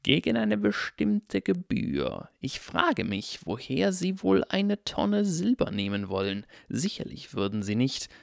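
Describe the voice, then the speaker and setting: A man voicing a sly male goblin banker in an audiobook, speaking slowly in a drawn-out, sneering way. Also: on the high side, huge pitch swings, vocal fry, dry recording, clean studio sound, pitched above the performer's own voice, exaggerated voice. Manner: slow, drawn-out, sneering delivery. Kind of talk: audiobook character voice.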